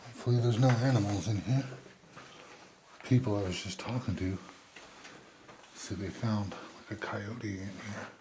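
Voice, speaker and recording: A man's voice: lowish voice, normal speed, pauses often. A man talking casually as an outdoor adventure vlogger. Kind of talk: casual vlog talk. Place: abandoned concrete missile site. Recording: long hall reverb, faint noise.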